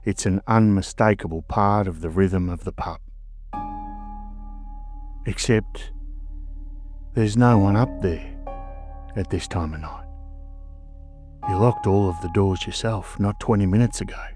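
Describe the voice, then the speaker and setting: Male Australian narrator, deep register, scripted spooky storytelling with dramatic short phrasing, music underneath. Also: a little slow, pauses often, a little mellow. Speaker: host and storyteller of a ghost story show.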